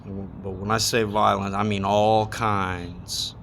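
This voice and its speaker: A man in his thirties in a casual, heated rant, swearing often and pausing between thoughts. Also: lowish voice, flat delivery, vocal fry, background noise. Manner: heated, swearing, with long pauses. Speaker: monologue speaker.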